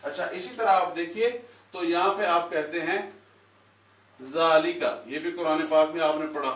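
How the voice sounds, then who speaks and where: The speaker, teaching the Quran in a classroom with a whiteboard, poses questions to his students and repeats their replies. He has a fairly high, steady voice at normal speed, and the recording is echoey, as if picked up from across the room.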